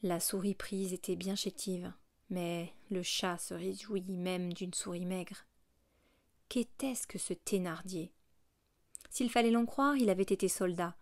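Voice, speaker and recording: A woman narrating a classic novel as an audiobook, in a measured, expressive reading. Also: on the low side, no room sound, clean studio sound.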